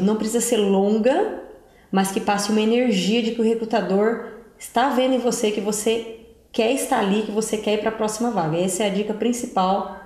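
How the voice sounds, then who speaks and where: A woman giving job-interview advice in a casual, direct, conversational way with lively emphasis. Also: medium pitch, roomy sound. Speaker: career tips presenter.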